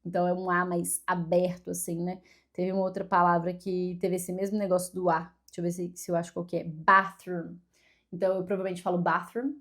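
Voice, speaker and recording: A woman's voice: on the low side, monotone, quick pace. A young adult woman from Brazil, a native Portuguese speaker, chatting to camera in a casual vlog, self-deprecating and full of fillers and restarts. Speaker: vlogger.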